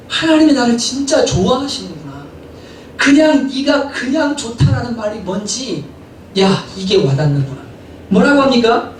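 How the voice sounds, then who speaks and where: A male pastor preaching a sermon in a church, animated and often asking the congregation questions. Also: extremely high pitch, slight background noise. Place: church sanctuary. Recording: echoey hall from a distant mic.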